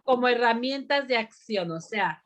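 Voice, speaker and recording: A woman teaching a bible lesson to a women's group, speaking deliberately and often pausing on "amén" to ask her listeners questions. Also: on the high side, animated, fairly bright tone.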